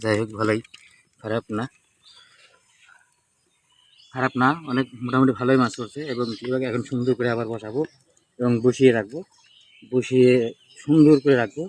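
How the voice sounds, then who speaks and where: A man's voice: medium pitch, steady tone, fairly quick, pauses often. A man with a Rangpur Bengali accent, chatting to viewers in a repetitive, casual way while out in a rice paddy. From Rangpur, Bangladesh. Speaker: vlogger. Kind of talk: casual outdoor video blog.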